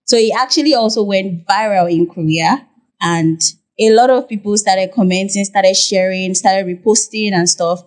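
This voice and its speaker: A young woman with a Nigerian accent, a podcast guest who explains at length in an animated way, with many "like" fillers. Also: medium pitch, moderate pace. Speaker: guest, content creator. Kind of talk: podcast interview.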